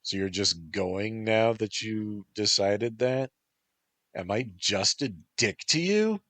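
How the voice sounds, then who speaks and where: A man's voice: lowish voice, animated, takes it slowly, fairly bright tone, no echo, voice pushed up, exaggerated voice. A man voicing a weary, wry young man who grumbles about how he is treated, read as a storybook. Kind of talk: storybook narration.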